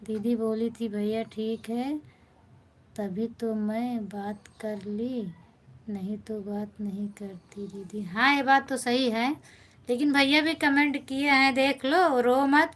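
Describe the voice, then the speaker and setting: Woman from india chatting on a phone live, kinda high pitched, pretty flat tone, calms people down sweetly. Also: takes it slowly. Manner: affectionate, soothing, addresses viewers as brother and sister. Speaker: live stream host. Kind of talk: casual live chat reading comments.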